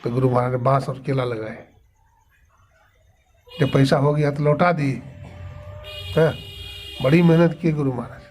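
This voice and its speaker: A man's voice: mid-range voice, fairly even intonation, unhurried, long pauses, darkish tone, slight background noise. A man giving a devotional sermon, asking rhetorical questions and answering them himself. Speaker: spiritual preacher.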